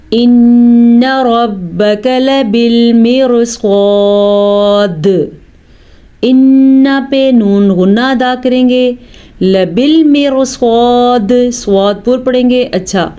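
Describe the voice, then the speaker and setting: A woman teaching tajweed. She explains each rule step by step and recites the verses slowly with long, melodic vowels. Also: mid-range voice, animated, mellow, lo-fi sound. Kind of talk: tajweed lesson.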